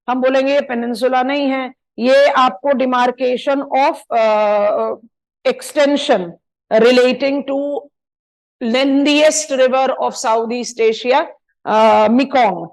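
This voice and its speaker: On a live online geography lesson, a woman with an Indian accent mixes Hindi and English while drawing on a map, stretching out key place names slowly. Her voice is high-pitched and darkish, with a steady tone and some vocal fry. The recording quality is low.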